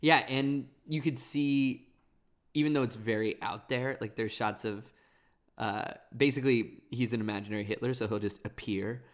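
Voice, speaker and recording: A man's voice: mid-range voice, fairly even intonation, normal speed. A man co-hosting a podcast, chatting casually about a movie with dry, teasing banter. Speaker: podcast co-host. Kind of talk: casual movie-review chat.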